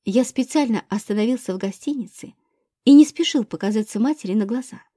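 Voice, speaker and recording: Woman doing a dignified male suspect, measured answers, higher voice, mellow, dry audiobook read. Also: dry recording, close to an everyday voice. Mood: restrained. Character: grown son, a suspect under questioning, restrained and dignified.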